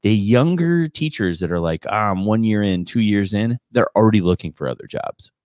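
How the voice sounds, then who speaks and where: A man's voice: lowish voice, animated, moderate pace, a little mellow, no echo, clean studio sound. A man hosting a podcast in casual chat, telling stories in a rambling, teasing way. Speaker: podcast host and stand-up comedian.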